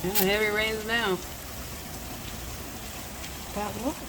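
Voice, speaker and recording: A woman vlogging casually outdoors, pointing out the weather around her in a relaxed, chatty way. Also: mid-range voice, takes it slowly. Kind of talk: casual narration while filming. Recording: loud wind noise on the mic.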